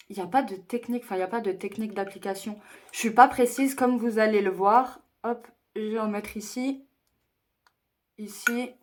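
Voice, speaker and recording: A young woman chatting her way through a makeup tutorial, explaining each step and joking at her own expense. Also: a little high. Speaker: beauty vlogger.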